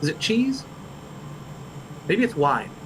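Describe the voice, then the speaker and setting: A man's voice: fairly high pitch, big pitch swings, takes it slowly, noisy background. A man hosting a livestream, chatting in character in fantasy improv, stammering and rambling with many restarts. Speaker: livestream role-play host.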